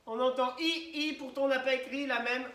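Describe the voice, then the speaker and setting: A man teaching young children, asking questions and spelling words out slowly syllable by syllable. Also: very high-pitched, fairly even intonation, fairly bright tone, distant mic. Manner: questioning, prompting pupils to answer. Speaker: primary school teacher. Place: classroom. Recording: roomy echo, voice from the mic.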